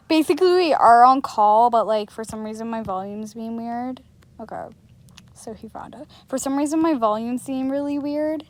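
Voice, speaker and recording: A woman's voice: fairly high pitch, normal speed, a little mellow. A woman chatting casually to her viewers while playing an online game, giggling often and poking fun at herself. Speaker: gaming channel host. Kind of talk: casual gameplay commentary.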